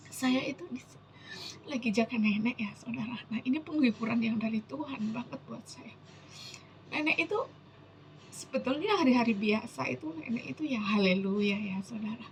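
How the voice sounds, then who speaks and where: A woman with a slightly high voice speaks in a devotional talk, reading verses and sharing her heart. Her delivery is emotional and breathy, and she often sinks into a near whisper as she talks to the faithful. A faint hiss sits under the recording. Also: normal speed, rough recording. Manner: emotional, often drops to a whisper, addresses listeners as brothers and sisters.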